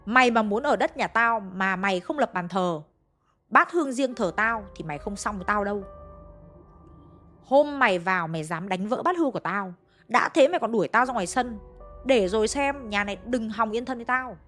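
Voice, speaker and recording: A woman's voice: mid-range voice, animated, brisk, a bit bright, soft background music, close to an everyday voice. Woman voicing a furious vengeful male ghost. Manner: scolding, cursing. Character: angry vengeful male ghost, gaunt and threatening.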